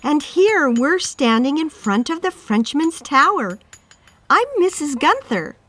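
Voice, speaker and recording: A chatty, teasing wife in a radio drama. Her voice is high and swoops expressively, and she speaks slowly and clearly. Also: big pitch swings, fairly bright tone, heavily acted. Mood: playful. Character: chatty wife on a road trip.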